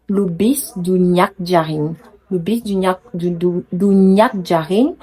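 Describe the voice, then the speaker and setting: A woman casually sharing proverbs she is learning, sounding out words slowly and correcting herself. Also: fairly low pitch, warm tone, breathy edge, poor audio. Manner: hesitant, slow careful pronunciation attempts, self-correcting. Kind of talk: casual vlog lesson.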